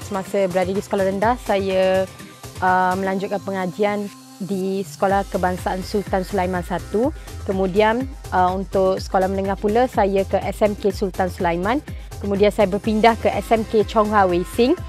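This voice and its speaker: A young woman answers interview questions outdoors in a garden, speaking into a clip-on mic. Her pitch sits in an ordinary middle range, and she talks in a relaxed, chatty way. She often pauses on "uh" and mixes in English words. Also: soft background music. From Kuala Terengganu, Malaysia. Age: young adult. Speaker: interviewee, university student.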